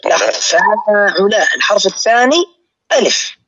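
A man teaching a lesson on word patterns, who speaks slowly and repeats each pattern for his students. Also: sits high, animated, sharp tone, husky. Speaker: teacher of Arabic morphology. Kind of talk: live online lesson. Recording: muffled lo-fi audio.

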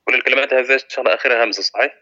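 A man's voice: medium pitch, fairly even intonation, rapid-fire, sharp tone. A male student who asks questions hesitantly in a lesson. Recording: dry, tinny lo-fi line.

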